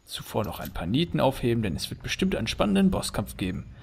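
Joking German let's play host. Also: male voice, mid-range voice, very animated, fast, vocal fry, a little hiss or hum. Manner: joking, chatty, hums along. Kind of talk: casual gameplay commentary.

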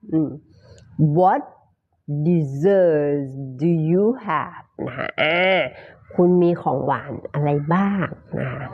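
Thai woman, English pronunciation teacher, low-pitched, deliberate drawn-out examples, muffled live-stream sound. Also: husky. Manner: slow, drawn-out model phrases between rapid explanations.

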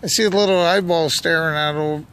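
On a bridge walkway at night, a vlogger films his magnet fishing outing and chats informally as he goes. His voice sits on the high side, steady, smooth and fairly bright, with a brisk pace. The recording comes from the camera or phone in his hand and is noisy, carrying an outdoor hum.

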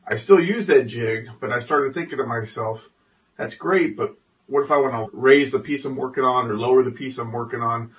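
A man's voice: mid-range voice, fairly quick. Sarcastic man, heard from a distance. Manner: dry, sarcastic humor, chatty with fillers. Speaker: chainsaw carver, channel host. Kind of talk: casual vlog intro. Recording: distant, dull sound.

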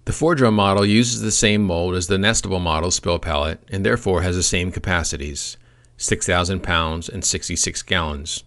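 Deep-voiced man, dry product trainer. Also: normal speed. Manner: dry, deadpan humor. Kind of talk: scripted product training presentation.

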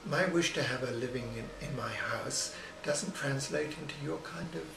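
A man's voice: medium pitch, normal speed, creaky, reverberant, far from the mic, noisy background. An actor playing a lonely middle-aged widowed father, dry, clipped and exasperated. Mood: guarded. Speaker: father committed to a psychiatric clinic. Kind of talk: short film drama acting.

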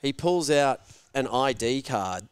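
A man's voice: mid-range voice, takes it slowly, clear, resonant tone, dry recording. A man telling a story casually, swearing freely and acting out the voices of people in it. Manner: animated, swears freely, acts out shouted quotes. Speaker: guest.

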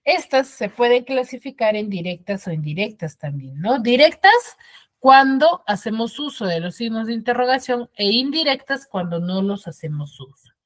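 A woman's voice: fairly high pitch, sing-song, normal speed. A woman schoolteacher giving an online grammar class, explaining step by step and checking with her pupils.

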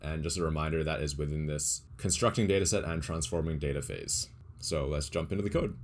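A man's voice: extremely low pitch, a little fast, slight background noise. A young man casually walking through his data science project on a screen share, explaining as he goes with small restarts. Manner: relaxed, explanatory, thinks aloud with small restarts. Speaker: data science tutorial creator.

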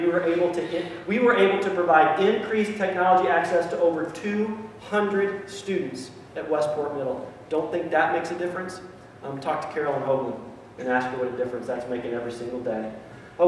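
A man's voice: fairly high pitch, a little hiss or hum. A middle-aged male pastor preaching a sermon, earnest and grateful, with many restarts and ums. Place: large church sanctuary. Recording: echoey sanctuary from a distance.

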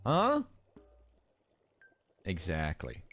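Excitable man musing aloud. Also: deep voice, drawn-out words, breathy edge, faint music behind. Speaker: guest co-streamer. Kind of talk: casual gaming chat.

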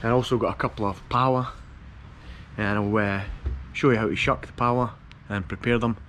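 A young man with a New Zealand accent, casually talking through cooking in his home kitchen, relaxed and chatty, repeating words as he explains. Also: lowish voice, moderate pace. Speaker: vlogger. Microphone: action camera. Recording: noisy home video with background hum.

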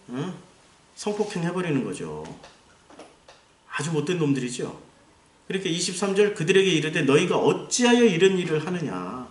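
Animated male pastor in echoey room. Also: fairly high pitch. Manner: lively, rhetorical questions, acts out scenes. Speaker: pastor teaching a Bible class. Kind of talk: Bible lecture. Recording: roomy echo, distant mic.

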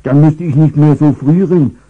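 A man's voice: on the high side, voice pushed up, lightly acted. A male narrator voicing a fat, brown, gloomy teddy bear who grumbles and says little. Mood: grumbly, forlorn. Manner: grumbling, slow and sparing with words. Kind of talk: storybook character voice. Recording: thin phone-like filtered sound.

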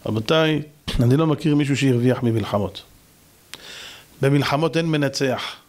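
A man, a rabbi, preaching a sermon in an emphatic style full of rhetorical questions. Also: mid-range voice. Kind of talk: sermon to a congregation.

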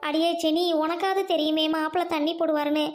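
A woman's voice: high-pitched, little pitch movement, fast talker, a little mellow, soft background music, natural voice. A woman with a Trichy Tamil accent acting a fussy, wailing mother of the bride in a comedy skit. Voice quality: wailing, melodramatic.

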